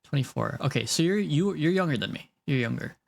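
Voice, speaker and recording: Here a man in his late twenties draws during a live stream, chatting with viewers, rambling and laughing frequently. His gravelly voice sits on the high side, brisk and lively in intonation.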